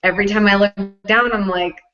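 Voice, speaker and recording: A woman's voice: medium pitch, fairly even intonation, brisk, a bit bright, soft background music. A woman co-hosting a casual livestream chat, talking in a chatty way full of "like" fillers. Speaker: co-host. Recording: dull lo-fi livestream audio.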